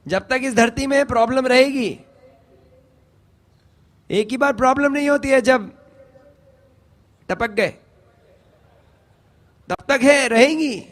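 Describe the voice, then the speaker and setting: A middle-aged man giving an emphatic motivational talk, repeating his key phrases for effect. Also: very high-pitched. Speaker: speaker sharing a success story.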